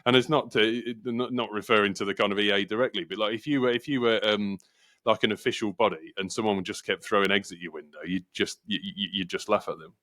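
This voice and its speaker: Low-voiced English man, animated podcast host. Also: quick pace. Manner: animated, argumentative, acts out quoted voices. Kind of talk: casual podcast conversation.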